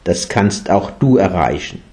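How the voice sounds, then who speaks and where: A man voicing a calm, serene male monk teacher who speaks firmly and gently. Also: low-pitched, measured pace. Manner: calm and firm.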